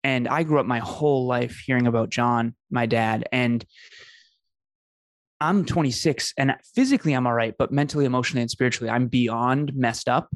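A man's voice: mid-range voice, moderate pace, dry recording, studio quality. A man, telling his life story in an earnest, emphatic conversational way. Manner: earnest, emphatic, repeats phrases for effect. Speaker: podcast host telling his story as a guest.

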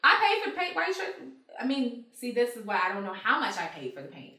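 Woman, casual chat, animated storyteller, bright forceful voice, roomy echo, a bit off-mic. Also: fairly high pitch, fast talker, recorded from a distance. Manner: animated storyteller, acts out heated quotes, swears freely. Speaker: guest telling stories. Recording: echoey room, voice from off-mic.

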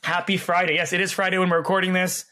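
A man hosting a podcast in casual interview chat, his voice hoarse, raspy and gravelly from laryngitis. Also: high-pitched, flat delivery, quick pace, sharp tone. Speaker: podcast host. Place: home guest bedroom or office.

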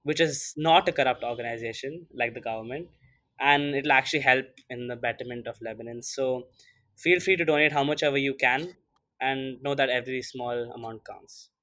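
A man's voice: mid-range voice, moderate pace, bright, forceful tone. A teenage boy from India co-hosting a casual podcast, talking loosely with lots of fillers. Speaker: podcast co-host.

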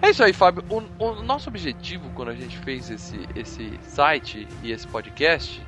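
A man's voice: fairly high pitch, unhurried, faint music behind. A man hosting a podcast, chatting casually and joking with his co-hosts. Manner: animated, joking. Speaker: podcast host.

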